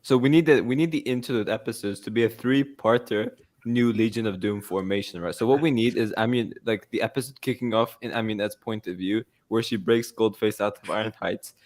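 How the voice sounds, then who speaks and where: A man's voice: on the low side, fairly quick, darkish tone. A man hosting a fan news livestream, chatting casually in a playful, teasing way with rambling asides and fillers.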